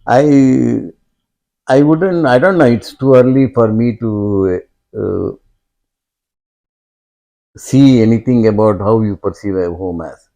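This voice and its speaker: An older man, speaking slowly and reflectively as an interview guest, pausing often and restarting his sentences. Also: medium pitch, creaky, mellow, lo-fi sound. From India. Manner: halting and reflective, many fillers and restarts. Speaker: guest, father of host. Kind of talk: conversational interview.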